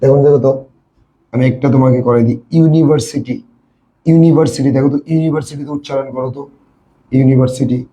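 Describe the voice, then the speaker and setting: Bangladeshi male English tutor, very dark mellow tone, drills students with repeated questions. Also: medium pitch, steady tone, very fast, poor audio. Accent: Bangladeshi Bengali. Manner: repetitive, quizzing students with questions. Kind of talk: classroom lesson.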